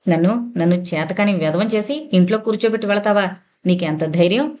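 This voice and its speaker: A woman reading out the lines of a furious young husband in an audio novel, delivered fast and hard. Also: medium pitch, a little mellow, lightly acted.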